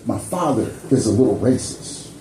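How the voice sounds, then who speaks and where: A man voicing a young girlfriend who gives a hesitant but blunt warning, in a low, quiet tone. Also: lively intonation, moderate pace, a little hiss or hum, close to an everyday voice. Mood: matter-of-fact. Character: matter-of-fact young girlfriend warning him. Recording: echoey club mic with crowd.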